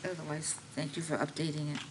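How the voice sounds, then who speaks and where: A woman's voice: deep voice, level tone, quick pace. A woman on a board, talking casually during a meeting discussion. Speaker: board member. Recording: noisy meeting room.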